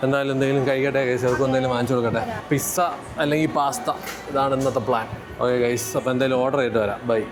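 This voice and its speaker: A man with a Kerala accent talks quickly in a casual vlog style. He slips freely between Malayalam and English as he addresses his viewers. Music plays behind his voice. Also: mid-range voice. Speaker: vlogger.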